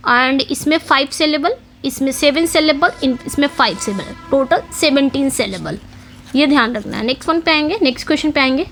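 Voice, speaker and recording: Woman teacher with a high voice, exam-prep lecture, quiz-style questions and repetition. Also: fairly bright tone, slight background noise. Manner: explains in Hindi mixing English terms, repeats key points with quiz questions; reads English question text slowly. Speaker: English literature teacher.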